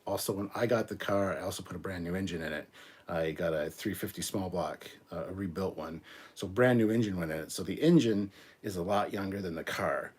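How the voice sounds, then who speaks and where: A man in his forties with a very low, husky voice hosts a live stream. He rambles along in a relaxed way, answering viewer comments with plenty of ums and half-finished restarts. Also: fairly quick. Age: 40s.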